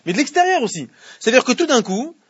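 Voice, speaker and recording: Guy teaching a torah class, talks fast and lively, kinda husky, dull dry recording. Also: extremely high pitch, dry recording. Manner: animated, explains by asking questions; chants Hebrew verses slowly. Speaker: religious teacher.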